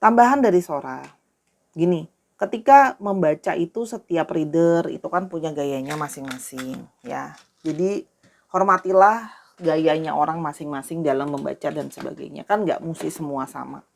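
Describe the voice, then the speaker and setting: A woman's voice: low-pitched, normal speed, gravelly. A woman doing a casual tarot reading, talking straight to her viewers in a friendly, repetitive way. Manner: friendly, talks directly to viewers, repeats herself. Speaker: tarot reader.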